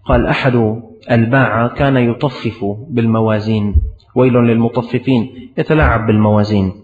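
A man's voice: medium pitch, fairly even intonation, a little fast. A man preaching a sermon, telling stories and piling up repeated emphatic phrases. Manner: storytelling, repetitive emphatic phrasing. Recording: hall reverb, dull lo-fi sound.

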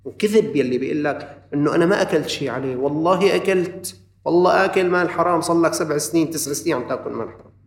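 Male preacher, Levantine Arabic accent, rapid impassioned sermon, higher-pitched voice, roomy echo, distant from the mic. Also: creaky. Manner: impassioned, swings between loud urging and quiet earnest asides.

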